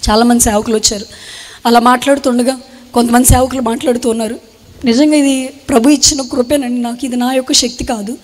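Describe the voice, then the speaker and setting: A woman's voice: on the high side, steady tone. Young woman giving an earnest testimony, echoing. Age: young adult. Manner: earnest, halting retelling in short phrases. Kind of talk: emotional spoken testimony. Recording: long hall reverb.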